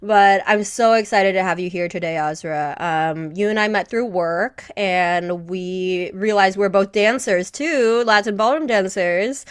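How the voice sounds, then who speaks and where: A woman's voice: medium pitch, unhurried, few pauses, clean tone, no room sound, studio quality. A woman hosting a podcast interview, a little sick, chatty and friendly with many fillers. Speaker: podcast host. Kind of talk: casual interview chat.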